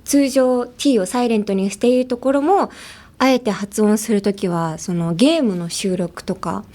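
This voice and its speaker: A woman's voice: medium pitch, moderate pace, warm tone. A young American woman hosting a podcast, chatting casually and laughing often as she switches between languages. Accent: American English. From Los Angeles. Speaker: podcast host. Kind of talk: casual bilingual chat.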